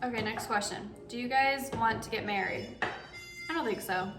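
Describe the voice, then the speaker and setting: Chatty woman, 20s, higher voice, casual vlog host; roomy sound with clear music behind. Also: normal speed. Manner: chatty, uses like often. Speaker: vlog host answering viewer questions. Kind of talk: casual chat. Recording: roomy echo, distant mic, music behind. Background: background music.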